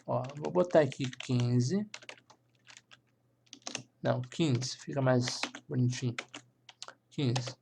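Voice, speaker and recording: A man's voice: mid-range voice, slow pace, creaky, pauses often, background noise. A man with a Brazilian Portuguese accent teaching a programming lesson, thinking aloud as he types and checking in with listeners after each step. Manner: thinks aloud while typing, with frequent checking "tá?". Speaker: programming instructor. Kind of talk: screencast coding lesson.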